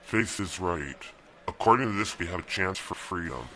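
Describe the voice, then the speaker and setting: In an amateur radio drama, an actor plays a newlywed young man planning an escape from a dystopian regime, calmly giving steady instructions while sounding worried. His low voice moves at normal speed over slight background noise.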